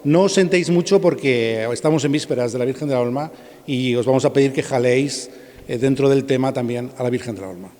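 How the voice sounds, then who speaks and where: A man's voice: mid-range voice, fast, darkish tone. A man from presenting an event, announcing to an audience with a few hesitant fillers. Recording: long hall reverb in a large space.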